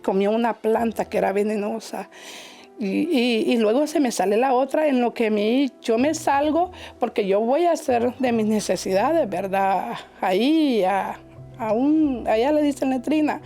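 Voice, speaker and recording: A woman's voice: fairly high pitch, animated, dark tone, faint music behind. Emotional woman giving testimony. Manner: emotional, halting, repeats words. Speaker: church speaker giving testimony. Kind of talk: personal testimony. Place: church.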